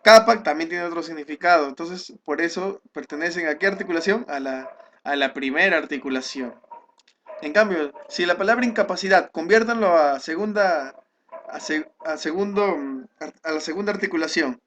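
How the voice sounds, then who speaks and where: Male teacher, high-pitched, patient explainer, recorded class lesson. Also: normal speed, a bit bright, a little hiss or hum. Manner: explanatory, with frequent checking "¿ya?" and restarts.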